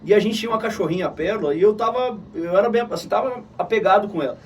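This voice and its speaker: A middle-aged man with a southern Brazilian Gaúcho accent, telling an emotional personal story as an interview guest in an animated way. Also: high voice, rapid-fire, far from the mic, a little hiss or hum. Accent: Gaúcho Brazilian Portuguese. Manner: animated, calls the listener "cara" often.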